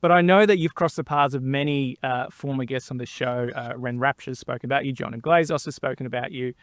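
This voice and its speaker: A man's voice: mid-range voice, brisk, no room sound, clean studio sound. Enthusiastic male podcast host. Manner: enthusiastic, laughing, stumbling fillers. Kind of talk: casual interview chat.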